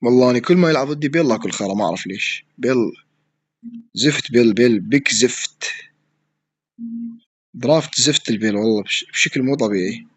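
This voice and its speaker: A man with an Iraqi Arabic accent giving live gameplay commentary, excitable, yelling at opponents and swearing as he plays. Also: mid-range voice, fast, pauses often, slightly rough. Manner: excitable, yells at opponents and swears mid-play. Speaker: gaming streamer.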